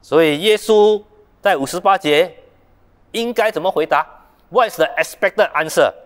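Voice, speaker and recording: A man preaching a sermon, lively and full of rhetorical questions, acting out the quoted speech of others. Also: sits high, moderate pace, big-room sound. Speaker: pastor. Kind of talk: Mandarin sermon. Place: church sanctuary.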